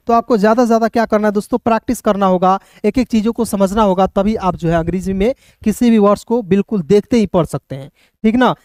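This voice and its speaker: A man's voice: high-pitched, darkish tone, clean tone, dry recording, clean studio sound. A man teaching an English lesson to viewers in a classroom style, explaining step by step and often asking questions and calling them friends. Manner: frequently addresses listeners as friends.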